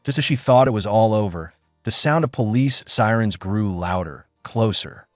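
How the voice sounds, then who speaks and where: A man's voice: lowish voice, animated, normal speed, no room sound, studio quality, faint music behind. A man narrating a dramatic story in a scripted, storytelling reading.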